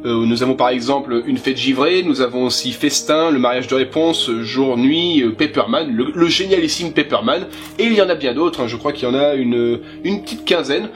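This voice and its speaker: A man's voice: mid-range voice, normal speed, faint music behind. A man chatting casually and with enthusiasm as he shows his film collection, with a few fillers. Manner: self-conscious about his English pronunciation. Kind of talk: casual presentation.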